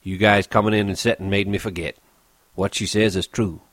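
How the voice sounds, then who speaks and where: A man voicing a bitter, guarded stable hand who speaks coldly and flatly. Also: fairly low pitch, brisk, no room sound. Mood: dull. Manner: cold, then dull and flat.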